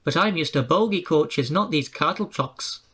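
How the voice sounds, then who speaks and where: A man's voice: fairly high pitch, animated, normal speed, a bit bright, breathy edge. A man voicing a grumpy, conceited male steam engine with a sulky, haughty manner.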